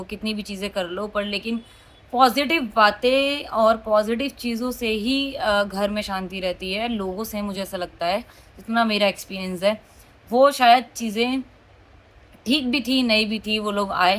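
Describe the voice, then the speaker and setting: A young woman with a loud voice, talking outspokenly and emotionally to her viewers in a casual confessional vlog. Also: medium pitch, a little slow. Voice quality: loud, forceful voice. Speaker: vlogger.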